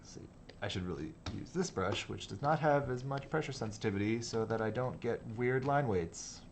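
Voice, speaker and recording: A man with a medium-pitched voice speaks at normal speed as he hosts a livestream from an office studio, with slight background noise. A designer, he chats casually while sketching, rambling and hesitating, with sudden bursts of laughter.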